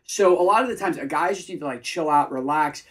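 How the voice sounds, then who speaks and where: A man coaching on dating in a casual, animated advice chat, often acting out voices as examples. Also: a little high, fairly quick. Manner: animated, mimics nervous and confident voices.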